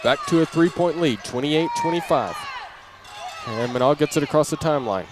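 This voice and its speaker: Lively in intonation and on the high side, a man calls a basketball game at normal speed while a crowd is heard behind him. It's live radio-style play-by-play in clipped running phrases that rise on big plays, captured in an indoor gym with clearly noisy ambience and a bouncing ball.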